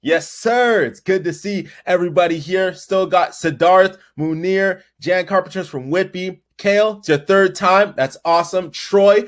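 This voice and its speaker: A man hosting a livestream webinar in an energetic, hyped way, calling out viewers by name. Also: sits high, measured pace, few pauses. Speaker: webinar host.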